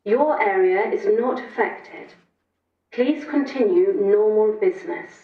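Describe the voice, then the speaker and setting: A woman's voice booms from a public address loudspeaker some way off, dull and muffled as it carries through an echoey courtroom. She speaks very slowly as incident control officer, giving a measured emergency notice in repeated official phrasing. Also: lively intonation, recorded from a distance. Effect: heard over a public address loudspeaker.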